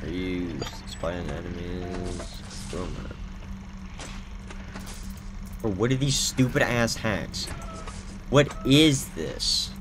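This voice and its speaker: A young man playing a video game and commenting casually, excitable and profane, trash-talking the enemies. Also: low-pitched, takes it slowly, long pauses, music in the background. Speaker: gaming YouTuber.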